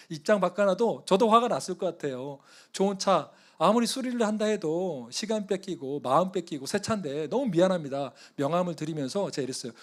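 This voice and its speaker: Animated male preacher telling a story. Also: on the high side. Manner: animated, conversational, often chuckling. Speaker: guest missionary preacher. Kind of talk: sermon with personal storytelling. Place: church service.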